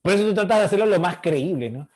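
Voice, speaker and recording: Animated man teaching class. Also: high voice, quick pace. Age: middle-aged. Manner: animated, acts out students' voices, asks class questions. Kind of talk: online class lecture.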